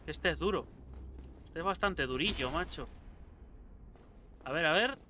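Excitable gamer, bright voice. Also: male voice, a little high, a little slow, slight background noise. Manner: excitable, swears a lot, talks to enemies. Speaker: gameplay streamer. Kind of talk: casual let's-play commentary.

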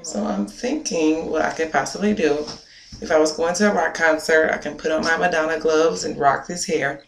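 A young woman with a low, steady, gravelly voice chats at normal speed to a webcam about her hair. Playful and amused, she sometimes drops to a whisper in casual vlog talk. The webcam is close in a small indoor room that echoes faintly with noise.

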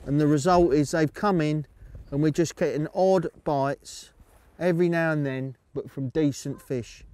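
A middle-aged man calmly explaining his fishing method outdoors at a lakeside, speaking steadily into a lapel mic. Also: a little high, a little slow, dry recording. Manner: calm, steady, explaining as he fishes. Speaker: angling coach.

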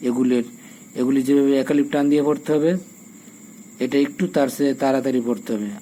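Man teaching quran reading, flat even voice, spells letters then chants words long and slow, faint crickets behind. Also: medium pitch, slight background noise, rough recording. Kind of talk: Quran recitation lesson.

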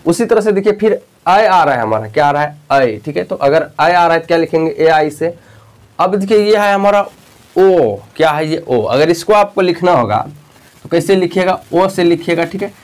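A man's voice: on the high side, expressive, moderate pace. A male teacher explaining a lesson patiently, often checking in with the listener and repeating key points. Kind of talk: spoken lesson.

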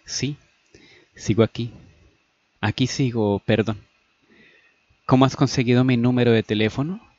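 Un hombre dando voz a Candy, una joven insegura y tímida que titubea y se atropella al hablar. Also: male voice, medium pitch, fairly even intonation, unhurried, a little mellow, no echo, muffled recording, natural voice. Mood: flustered. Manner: hesitant, stammering and flustered. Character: Candy, shy young woman, insecure and easily flustered.

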